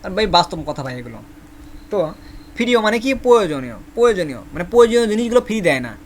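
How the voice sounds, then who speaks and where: A man's voice: high-pitched, sing-song, quick pace, slight background noise. A man from Bangladesh, teaching a Korean vocabulary class and repeating each word over and over while quizzing his students. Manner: repeats each word many times, asks the class questions. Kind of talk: classroom lesson with memory tricks.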